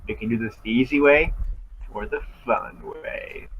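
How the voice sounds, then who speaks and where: A man reading the lines of a cold, commanding male gunman speaking over a school loudspeaker. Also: medium pitch, brisk, highs cut off, a little hiss or hum, lightly acted. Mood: menacing.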